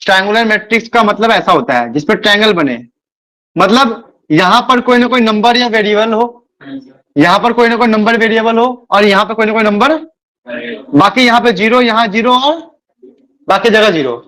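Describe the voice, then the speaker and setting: A man with a rather high voice teaches a math class. He talks quickly by his own account, repeats key words and keeps addressing the students kindly. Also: pushed and bright. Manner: admits speaking fast. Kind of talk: live online class lecture.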